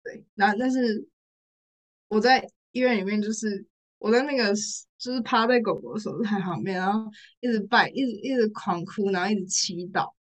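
A woman's voice: medium pitch, moderate pace. A young woman from Taiwan with a Taiwanese Mandarin accent, telling a personal story in casual chat, repeating herself and laughing through tears. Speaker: podcast guest, rehearsal studio owner.

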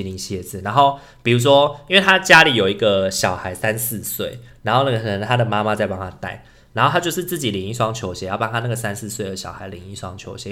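A man, co-hosting a podcast and telling a story in casual chat, animated, acting out what other people said. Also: fairly low pitch. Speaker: podcast co-host, social worker.

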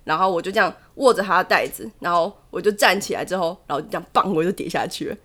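A woman's voice: on the low side, a bit bright. A woman co-hosting a podcast, telling a story in casual chat and laughing often as she talks. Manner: tells a story quickly and vividly, often laughing. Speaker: podcast co-host.

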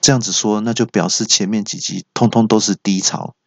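A man hosting a comedy podcast, telling a comic story in an animated, playful way and stammering for effect. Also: fairly low pitch, fairly quick, creaky, breathy edge, no room sound, dull audio. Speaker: podcast host.

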